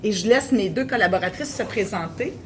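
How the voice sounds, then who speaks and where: At a conference, a woman with a Québécois French accent presents her research in an expressive but hesitant way, pausing often with fillers and restarting sentences. Her voice is middle-pitched, and a faint low rumble runs in the background of the conference room.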